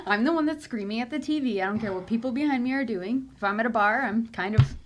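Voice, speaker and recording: A woman's voice: fairly high pitch, fast talker, a little hiss or hum. A woman in her twenties from Buffalo, New York, chatting casually as a guest and making wry jokes. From Buffalo, New York, USA. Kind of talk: casual chat.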